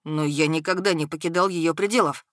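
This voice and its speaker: A woman voicing a timid boy who is a dark tower spirit, speaking in a hesitant, subdued way. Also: sits low, brisk, no echo, studio quality, close to an everyday voice.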